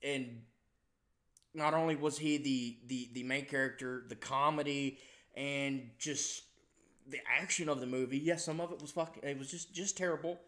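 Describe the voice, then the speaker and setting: A man from the American South, a podcast guest in a casual movie chat, halting and repeating words, with dry jokes. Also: mid-range voice, steady tone, pushed and bright.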